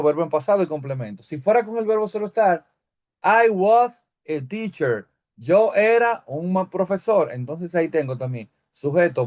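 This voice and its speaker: A man explaining English grammar step by step, slowing down to read example sentences. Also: on the high side, a little mellow. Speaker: English teacher. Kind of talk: recorded grammar lesson.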